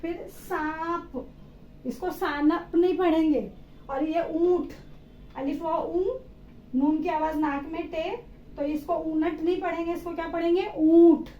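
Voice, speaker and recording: A woman's voice: very high-pitched, fairly even intonation, moderate pace, mellow, slight background noise. A woman teacher giving a step-by-step reading lesson for children, patiently spelling out letters and answering her own questions. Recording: roomy, slightly dull recording with faint ambience.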